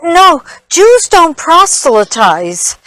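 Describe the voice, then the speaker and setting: An actress playing a gentle, hesitant older woman in a stage play, stammering softly as she offers comfort. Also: very high voice, very animated, takes it slowly, no room sound, heavily acted, rough recording. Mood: earnest. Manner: hesitant, stammering, soft-spoken.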